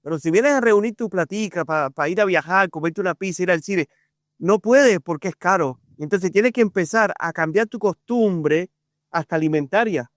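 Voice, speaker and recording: A man's voice: sits high, moderate pace, dry recording, studio quality. A man with a Cuban accent, a guest on a podcast, explaining his views earnestly with everyday examples. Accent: Cuban Spanish. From Cuba. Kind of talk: conversational interview.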